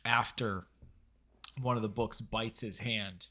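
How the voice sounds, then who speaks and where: A man's voice: fairly low pitch, fairly even intonation, bright, forceful tone. A man co-hosting a film podcast in casual chat, often restarting his sentences. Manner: halting, restarts sentences, many fillers. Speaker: podcast co-host.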